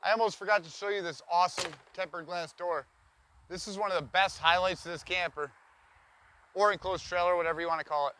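A man's voice: high-pitched, fairly even intonation, brisk, sharp tone, clear, resonant tone. Upbeat man touring a camper trailer. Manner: enthusiastic, pointing things out as he walks. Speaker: trailer reviewer. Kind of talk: walkaround product tour. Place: inside and around a cargo trailer on an outdoor lot. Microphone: lapel mic.

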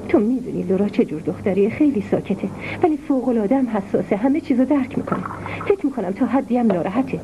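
A woman's voice: on the high side, expressive. A woman dubbing an anxious, domineering mother in an old film drama. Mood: earnest. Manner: pleading, then nagging. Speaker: dubbing actress. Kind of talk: dubbed 1950s film drama. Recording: dull old dub, faint hiss.

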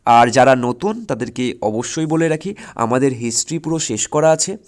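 At a normal speed and medium pitch, with lively intonation, a West Bengal school exam tutor instructs students emphatically. He gives directions, repeats them, and makes sure everyone is following.

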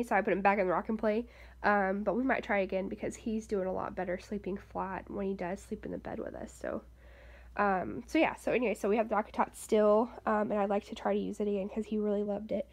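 Young mom vlogger, stuffy nose, some vocal fry, rambly and chatty, mid pitch. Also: female voice, darkish tone. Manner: chatty, rambling with many ums and likes. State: stuffy-nosed. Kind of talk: casual home vlog. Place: bedroom at home.

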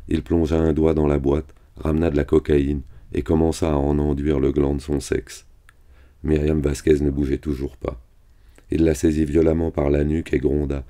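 Male reader with an extremely deep, dark voice, flat and steady, reading a novel aloud.

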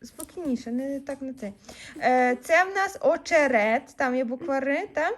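A young mother giving her small child a patient reading lesson at home, sounding out syllables slowly. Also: high-pitched, lively intonation.

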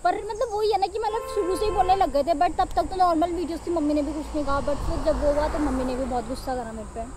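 A woman's voice: high voice, fast talker, background noise. A young woman talking earnestly and pleadingly in a casual conversation outdoors. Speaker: vlog guest.

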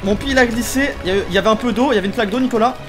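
A man's voice: high voice, racing. A young man trading casual, teasing and exclamatory banter as he plays. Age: young adult. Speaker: gamer, opponent in a match. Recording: music playing behind the voice.

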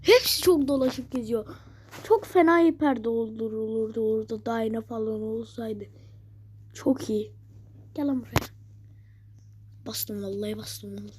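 A woman streamer giving excited live commentary on her own gameplay, jumping between loud outbursts and quick whispers. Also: a little high, slight background noise. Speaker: gaming streamer.

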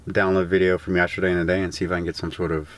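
A man's voice: low-pitched, rapid-fire. A man in his thirties filming his own casual vlog with a handheld camera at arm's length, rambling with lots of ums. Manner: rambling, relaxed, many ums. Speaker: vlogger. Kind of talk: casual self-filmed vlog. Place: hotel room and parked car. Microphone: handheld action camera at arm's length.

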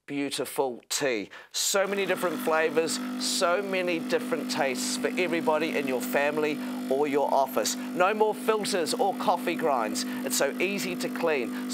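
A man in his thirties presenting as an upbeat home shopping host, explaining a product step by step in sales patter. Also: a little high. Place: TV studio kitchen set, indoors.

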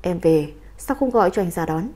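Woman reading as a stern male crime boss, calm and clipped, mellow low-toned voice, audiobook story. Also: a little fast. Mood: gentle.

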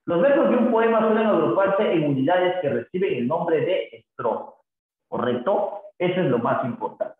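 In a slightly high voice, a man lectures on literature, expressive and at normal speed, often using tag questions to check on his listeners. Recited verses become a sing-song drawl, and the audio is thin and phone-like with heavy echo.

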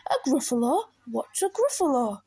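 A woman doing a jittery high-voiced fox. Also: sing-song, moderate pace, mellow, husky, dry recording, exaggerated voice. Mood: nervous. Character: nervous smooth-talking male fox.

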